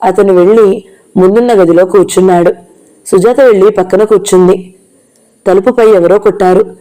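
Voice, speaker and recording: A reader narrating an audio novel aloud in a steady storytelling manner. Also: female voice, mid-range voice, moderate pace, low-quality recording.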